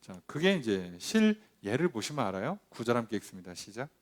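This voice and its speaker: A man's voice: mid-range voice, sing-song, brisk. A male pastor leading a Bible study, often asking his listeners whether they follow him. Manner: checks understanding with frequent rhetorical questions; acts out quoted speech in dramatized voices.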